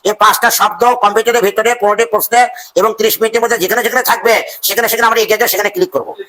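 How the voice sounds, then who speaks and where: A male teacher leading a classroom drill, calling out phrases in a slow sing-song and having the class repeat them. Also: high-pitched, level tone, slight background noise. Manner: slow sing-song drilling, stretched words and loud cues. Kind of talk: call-and-response classroom drill.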